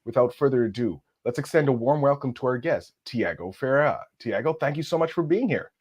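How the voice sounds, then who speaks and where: A man's voice: mid-range voice, lively intonation, a little fast, a little mellow, husky. Grandiose, enthusiastic male podcast host. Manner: grandiose, enthusiastic formal phrasing. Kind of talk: scripted podcast introduction and interview.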